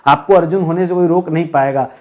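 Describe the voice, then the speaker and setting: A high-pitched male teacher gives an exam-prep grammar lesson. He writes and spells each word letter by letter, poses quick questions and answers them himself, and fills the gaps with "okay" as he goes. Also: fairly even intonation, darkish tone, muffled recording. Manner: spells words letter by letter, asks and answers his own questions; addresses viewers as friends, says "okay" often. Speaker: Hindi teacher.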